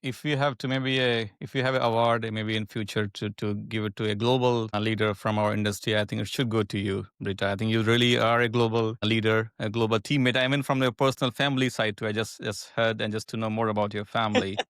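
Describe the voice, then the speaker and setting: Male podcast host, effusive and repetitive, smooth resonant tone, dry close recording. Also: fairly low pitch, fairly even intonation, fast talker, hardly any pauses, a bit bright, no echo. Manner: effusive, repeats himself, tag questions. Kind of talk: casual interview hosting.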